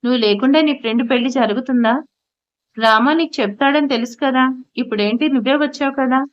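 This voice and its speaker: A woman voicing a fond, gentle middle-aged mother in an audio story, speaking affectionately. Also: high voice, fast, natural voice. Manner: warm, affectionate. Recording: slightly muffled audio.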